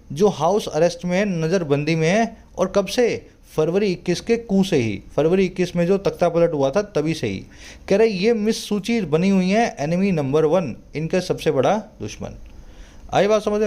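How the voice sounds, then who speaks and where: A male tutor with a mellow, fairly high voice, explaining English vocabulary in Hindi. He reads English lines out very slowly. Then he breaks them down in a chatty teaching way, often asking the viewer rhetorical questions. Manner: explains word by word, slows sharply to read English passages. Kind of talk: Hindi-language English lesson reading a newspaper editorial.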